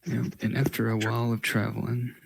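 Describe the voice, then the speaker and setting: A man's voice: medium pitch, flat delivery, a little fast, creaky, husky, rough recording. A man narrating a tabletop role-playing game casually, improvising scenes as game master.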